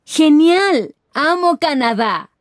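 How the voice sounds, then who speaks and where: This voice actress, cast as a friendly Peruvian stranger talking with a tourist, speaks very slowly and deliberately, repeating every line at normal speed for learners. She sounds high-pitched, animated, friendly and curious, recorded in a clean studio with no room sound.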